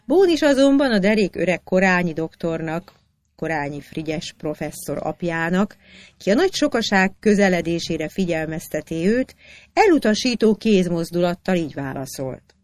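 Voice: medium pitch, animated, no echo. Dry, close-miked anecdote reader. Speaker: narrator. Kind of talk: reading historical anecdotes aloud.

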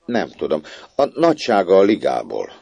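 A shy little orphan girl answers in short, simple words, as a man reads her. Her voice is lifted higher than the narration yet keeps a gravelly grain. It sounds close and dry. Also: huge pitch swings, warm tone, dry recording, heavily acted. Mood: plain.

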